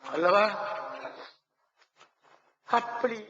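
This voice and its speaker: Older male devotional lecturer, high bright voice, slow and rhetorical, dull lo-fi hall recording. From Tamil Nadu. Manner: rhetorical, asks and answers his own questions. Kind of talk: devotional lecture with sung verses. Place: large concert hall.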